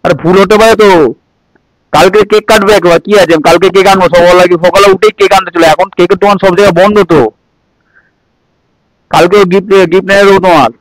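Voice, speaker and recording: A man's voice: high voice, fairly even intonation, fast, long pauses, no room sound, rough recording. A man, pleading and apologizing in a casual home vlog. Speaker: vlogger, husband.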